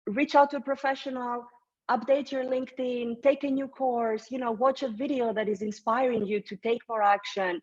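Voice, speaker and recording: A woman from Greece leads a webinar. She talks in an upbeat, conversational way and often restarts her sentences. Her voice is a little high and husky, and it comes through dull, lo-fi video call audio. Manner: encouraging, conversational, with fillers and restarts. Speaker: career strategist presenting a webinar. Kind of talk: webinar presentation.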